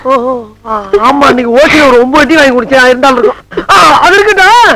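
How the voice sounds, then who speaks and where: A man's voice: extremely high pitch, lively intonation, quick pace, background noise. An actor playing a boastful, bumbling man in a film comedy scene, talking in comic banter. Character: boastful bumbling man going bride-seeing.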